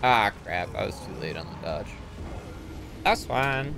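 Game music plays as a streamer gives casual gameplay commentary in a lowish, creaky, expressive voice at an unhurried pace. He's often frustrated, swearing and poking fun at himself.

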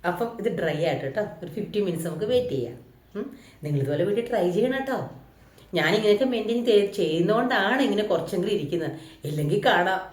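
Malayali woman, beauty vlog chat, quick talk, echoey room at home. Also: lowish voice, a little mellow. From Kerala, India. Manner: chatty, often ends lines with a tag asking the viewer. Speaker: beauty vlogger.

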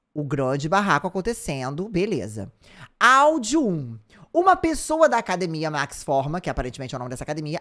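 A woman with a Brazilian Portuguese accent hosting a reaction commentary. She speaks in an expressive, exclamatory way. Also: lowish voice. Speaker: commentary host.

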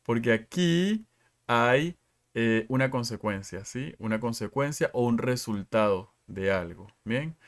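A man's voice: medium pitch, animated, measured pace. Man teaching in a live class. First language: Spanish. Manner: reads out students' answers and asks questions often. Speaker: English teacher.

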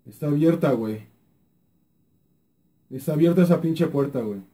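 His voice leans high and his pace is moderate as this young Mexican man, a gaming YouTuber, reacts to his own play in a Mexican accent. Excitable and foul-mouthed, he mumbles repeated words under his breath.

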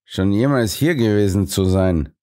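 A man's voice: fairly low pitch, measured pace, dark tone, close to an everyday voice. A man voicing an impatient male politician who grumbles and whines sulkily. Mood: grumbling. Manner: whiny, sulky.

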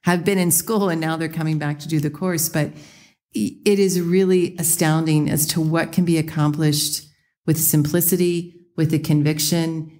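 A woman's voice: deep voice, steady tone, normal speed, dark tone. A woman co-hosting a podcast, earnest and encouraging in a reflective chat. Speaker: podcast co-host.

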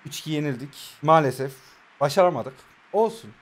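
A man in his twenties speaking with a Turkish accent, commentating his own mobile football match live, excitable and talking to himself, with sudden swings from quiet muttering to loud outbursts. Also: on the high side, a little fast. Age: 20s. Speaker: mobile football gamer and streamer.

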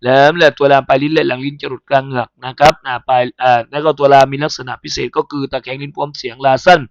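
Male recitation teacher with a Thai accent, chanting letters slowly, dry close lo-fi recording. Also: mid-range voice, flat delivery, no echo. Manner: slow melodic spelling chant, then brisk explanation. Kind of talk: chanting Arabic letters then explaining in a lesson. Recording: dull lo-fi sound.

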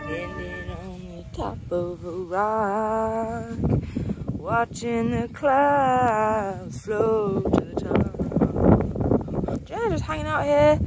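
Loud music plays behind this poor-quality audio of a young woman vlogging while wild camping on a mountainside by a lake. Speaking very slowly in a voice on the high side, she chats casually to her selfie-held camera and laughs often.

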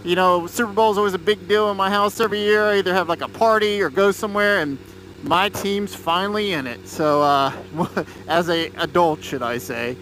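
A man in his thirties with an American accent talks casually from inside a motorcycle helmet as he rides. His voice sits high and sounds bright and forceful. Faint engine and road noise runs behind him. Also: normal speed, rough recording. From Georgia, United States. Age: 30s. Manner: talking from inside a helmet while riding. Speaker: motorcycle vlogger. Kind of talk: casual chat while riding. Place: outdoors on a moving motorcycle. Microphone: mic inside a helmet.

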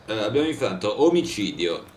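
A man's voice: fairly low pitch, very animated, fairly quick. A man improvising in character as a lawyer during an online role-play game. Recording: roomy sound with clear game noise.

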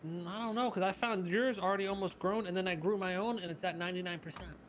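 Man, high pitch, casual in-character chat, light insect noise. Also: fast talker, a bit bright.

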